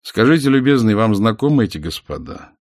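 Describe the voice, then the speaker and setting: A man's voice: fairly low pitch, very animated, fairly quick, a little mellow, no room sound, studio quality. A man voicing a police official who questions suspects in a lazy, mocking drawl, in an audiobook. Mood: sardonic.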